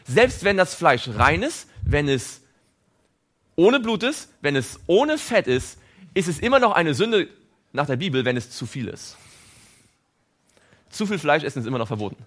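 A man preaching a sermon, animated, often putting questions to his listeners. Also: a little high, moderate pace, pauses often. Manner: animated, asks audience questions.

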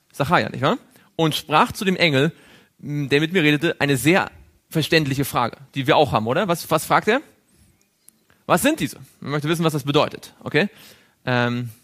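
A man's voice: fairly high pitch, a bit bright. A man teaching a Bible study to a group, drawing on a board as he goes, asking questions and chuckling now and then. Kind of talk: interactive Bible study lesson.

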